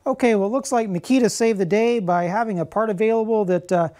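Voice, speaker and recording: Speaking quickly in a high-pitched voice, a middle-aged man hosts a how-to repair video from his garage workshop. His lapel-miked delivery is relaxed and explanatory, full of "uh" and "um."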